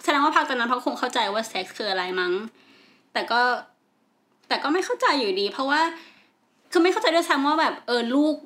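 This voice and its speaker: Woman, casual talk co-host, slightly high bright voice, relaxed and searching for words. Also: a little fast. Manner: relaxed, hesitant, many fillers. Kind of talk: casual chat.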